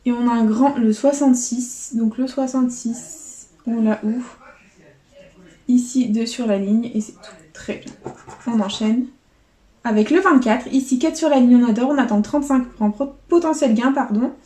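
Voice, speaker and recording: A woman's voice: on the high side, normal speed, mellow. A woman vlogger chatting casually as she scratches lottery tickets, counting out letters and numbers. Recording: echoey room.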